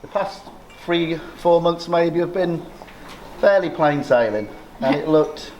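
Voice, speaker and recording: A man's voice: on the high side, slow pace. A middle-aged man giving an informal, joking wedding speech as father of the bride, with a dry, self-deprecating, sometimes sweary delivery. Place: busy indoor wedding reception. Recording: noisy crowded room, loud ambience. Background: chattering, laughing guests.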